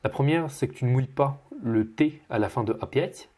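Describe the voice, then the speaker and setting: A man teaching pronunciation as he corrects a student, patiently repeating each word slowly. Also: mid-range voice, darkish tone. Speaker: Russian language teacher.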